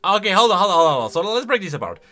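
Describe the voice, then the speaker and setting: Speaking very fast, a game lore channel host delivers casual commentary in a bright, forceful voice. He's excitable and highly animated, thinking out loud with light music playing underneath.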